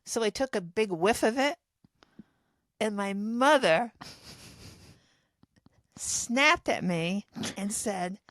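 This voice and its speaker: Older woman, 70s, podcast co-host; chatty, self-mocking storyteller, medium pitch, dry close sound. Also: animated, takes it slowly, long pauses, a bit bright, no room sound. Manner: rambling, self-deprecating storyteller. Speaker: podcast co-host telling diary stories. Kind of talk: casual storytelling chat.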